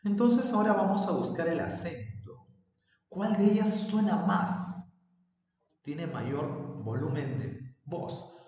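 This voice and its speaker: A man's voice: a little high, sing-song, slow, a little mellow. A male language teacher explaining a lesson patiently, stretching out example words. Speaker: secondary school language teacher. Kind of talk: recorded remote lesson. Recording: dull, roomy, distant with long reverb.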